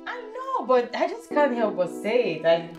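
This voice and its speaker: An actress playing a teasing, gossipy young best friend with a Nigerian English accent. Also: female voice, on the high side, huge pitch swings, moderate pace, over music. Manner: teasing, bubbly. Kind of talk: film drama dialogue.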